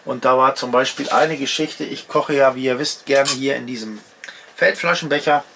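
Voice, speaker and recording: There's a creaky, bright, forceful quality to this man's mid-range voice as he moves at a moderate pace with slight background noise. In his fifties, he runs an outdoor gear channel and casually explains each step he shows from his home workshop bench.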